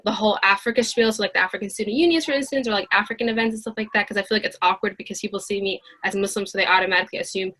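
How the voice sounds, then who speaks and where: A woman's voice: mid-range voice, racing, hardly any pauses. A woman in her twenties co-hosting a casual podcast, talking candidly and animatedly with lots of "like". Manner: animated, candid, heavy on filler "like". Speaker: podcast co-host.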